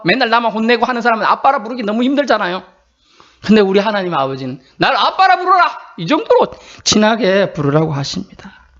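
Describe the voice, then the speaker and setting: A male pastor preaches a sermon in an earnest, conversational manner, occasionally acting out quotations in a high voice. The audio is lo-fi.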